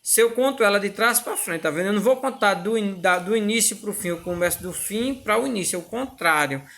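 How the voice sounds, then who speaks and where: A woman's voice: medium pitch, lively intonation, fairly quick, fairly bright tone. Brazilian woman teacher, patient and repetitive, walks through a lesson, keeps checking in, mid-range voice. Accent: Brazilian Portuguese. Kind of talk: classroom lesson explanation.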